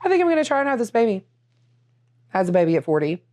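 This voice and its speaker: Woman podcast co-host, lively pitch swings, quick to laugh, casual. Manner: laughs easily, animated asides. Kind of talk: casual chat.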